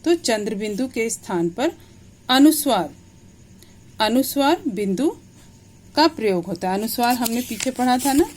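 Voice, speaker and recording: A woman teacher with a somewhat high voice walks a class through a grammar lesson. She explains each point step by step and keeps asking small questions to check that the students follow. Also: slight background noise.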